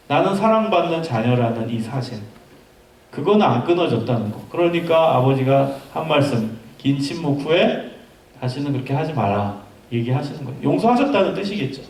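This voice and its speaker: A man's voice: a little high, darkish tone, distant mic. Man preaching in an echoey church hall. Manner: storytelling, asks the congregation questions. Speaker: pastor. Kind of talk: youth sermon.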